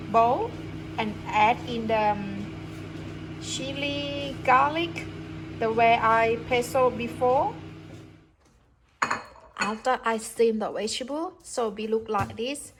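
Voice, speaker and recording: A woman's voice: on the high side, noisy background. A woman from Thailand with a Thai accent, casually walking through a home-cooked meal in simple broken English. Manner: simple broken English, naming dishes one by one. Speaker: cooking vlogger. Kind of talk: casual cooking and eating vlog.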